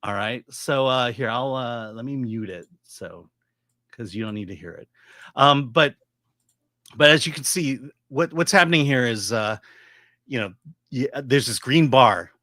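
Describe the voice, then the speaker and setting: A middle-aged man giving casual movie commentary as a reviewer, explaining his opinions in a halting, opinionated way. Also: mid-range voice, animated, a bit bright, no echo, clean studio sound. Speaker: film reviewer.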